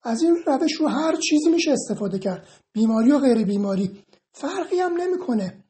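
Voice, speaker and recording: A woman instructor who reads out viewer questions about tapping therapy and answers them in a calm, reassuring, explanatory way. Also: sits high. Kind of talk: informal explanatory Q&A monologue.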